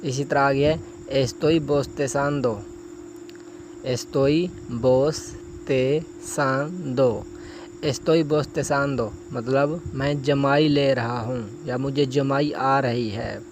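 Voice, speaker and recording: A male teacher giving a spoken lesson, pausing to say each example phrase slowly and carefully. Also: medium pitch, steady tone, noisy background. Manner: slow, drawn-out modeling of example phrases. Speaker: language teacher.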